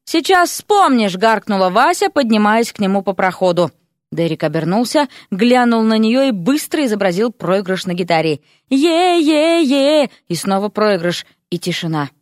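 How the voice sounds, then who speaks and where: A woman reading a fantasy audiobook in a lively, characterful way. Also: medium pitch, fairly quick, no echo, clean studio sound. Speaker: audiobook narrator.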